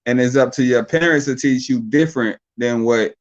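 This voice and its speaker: A man's voice: mid-range voice, normal speed. Young man, casual debate, rambling, repeats words, dull lo-fi mic. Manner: loose, rambling, repeats words when thinking. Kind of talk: casual debate over mics.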